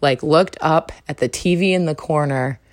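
Young woman podcast host, low voice, animated casual storyteller who jumps up high for quotes, dry recording. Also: normal speed, dry recording. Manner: animated, acts out quoted lines with big pitch jumps.

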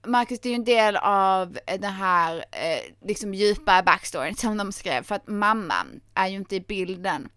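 A woman's voice: medium pitch, hardly any pauses, fairly bright tone, clear, resonant tone, no room sound, clean studio sound. A woman hosting a podcast, chatting casually and animatedly about a film, swearing and acting out scenes. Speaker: podcast host.

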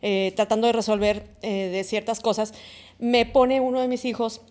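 A middle-aged woman, a co-host telling family anecdotes in a lively way and laughing at her own jokes. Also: a little high, moderate pace. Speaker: co-host, psychotherapist.

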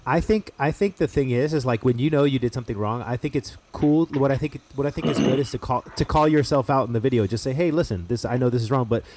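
A man's voice: medium pitch, fast talker, hardly any pauses, darkish tone, a little hiss or hum. A man with an American accent chatting casually as a chef, emphatic and slangy with plenty of swearing. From United States. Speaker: chef making cooking videos. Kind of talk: casual podcast-style chat.

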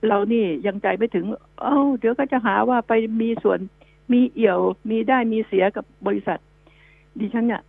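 Woman, radio host, gravelly voice, dry booth sound, chatty, rambling advice. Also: mid-range voice, a little mellow, dry recording, low-quality recording. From Thailand. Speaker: radio news show host. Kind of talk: casual radio talk.

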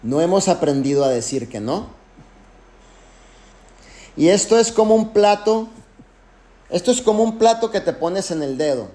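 A man's voice: sits high, animated, normal speed, long pauses, dark tone. A man who leads a network marketing team, giving an emphatic motivational talk full of anecdotes and direct address.

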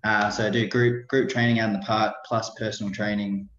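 A man's voice: fairly low pitch, level tone, fairly quick, fairly bright tone. A man chatting casually as an interview guest on a remote call. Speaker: podcast guest, personal trainer. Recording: dull roomy online call audio.

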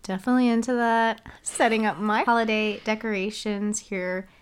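A woman chats casually as a podcast co-host. She is informal and talkative, with an average-pitched voice. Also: steady tone, normal speed, smooth. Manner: chatty, reacting informally with frequent "like". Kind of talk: casual chat.

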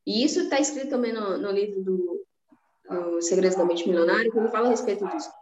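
Quick and mid-pitched, this Bahian woman from Salvador guests on a podcast, chatting casually about personal finance with earnest encouragement and frequent restarts in Bahian Brazilian Portuguese. The audio is reverberant with the highs cut off, and a crowd can be heard behind her.

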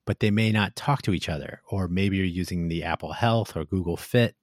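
A man's voice: deep voice, fairly quick, no room sound, studio quality. A man co-hosting a casual tech talk, thoughtful and hesitant, restarting his sentences often.

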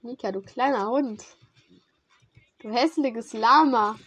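Excitable high-voiced young woman gamer. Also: slow pace, slightly rough. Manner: excitable, slangy, talks to a teammate while playing. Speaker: gamer streamer. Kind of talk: casual gaming commentary.

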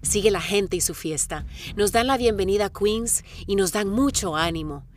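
A middle-aged woman narrates her marathon in the first person, with reflective inner-monologue narration and sudden bursts of excitement. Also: medium pitch, moderate pace, soft background music.

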